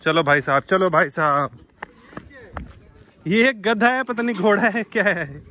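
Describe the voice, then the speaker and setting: Man, vlog host, fairly high voice, excitable and playful, chats to the animals. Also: unhurried, slight background noise. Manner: excited, laughing, talks to the animal. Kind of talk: casual pet vlog chat.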